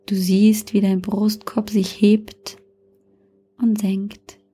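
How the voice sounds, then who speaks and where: Very slow, breathy woman guiding relaxation. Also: mid-range voice. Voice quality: soft, breathy, often near whisper. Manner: calm, soothing, gentle suggestions with long pauses. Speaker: guided relaxation instructor. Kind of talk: slow guided meditation narration, like a sleep story narrator.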